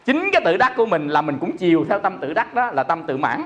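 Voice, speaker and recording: A man's voice: high-pitched, big pitch swings, fast talker, fairly bright tone. A man with a Southern Vietnamese accent giving a Buddhist dharma talk, explaining by repeating himself and asking listeners questions. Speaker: Buddhist teacher.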